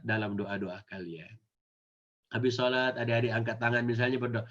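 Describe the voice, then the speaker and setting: A male Islamic teacher with an Indonesian accent giving an animated Quran lesson to children, often acting out the kids' voices. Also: a little high. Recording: dull lo-fi recording.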